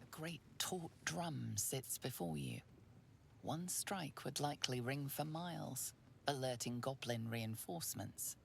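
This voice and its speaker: A woman narrating a video game in a measured, ominous scripted tone. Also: rumbling low, creaky, slight background noise, exaggerated voice.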